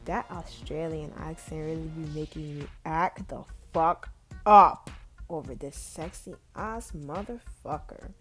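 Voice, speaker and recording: A woman's voice: sits low, steady tone, a little slow, faint music behind. A woman vlogger chatting casually in a playful, profane, gushing way. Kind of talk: casual chat.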